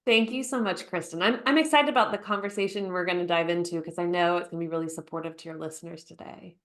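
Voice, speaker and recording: A woman, a therapist who is a podcast guest, telling her story in a lively way and playfully acting out remembered lines. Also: lowish voice, quick pace. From United States. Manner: lively storyteller who acts out quotes with laughter. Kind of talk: conversational storytelling interview.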